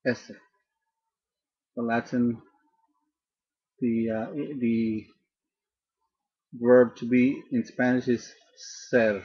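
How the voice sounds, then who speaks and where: Slow, patient male language teacher. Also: medium pitch, husky. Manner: patient, repeats and restarts phrases. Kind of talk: slow, deliberate grammar lesson. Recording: dull lo-fi recording.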